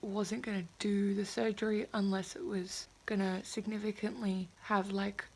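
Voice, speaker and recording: A woman's voice: mid-range voice, flat delivery, moderate pace, vocal fry, poor audio. A woman in her twenties talking with a sore, puffy jaw that slightly impedes her speech, in a casual, candid and hesitant video diary. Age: 20s. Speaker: vlogger.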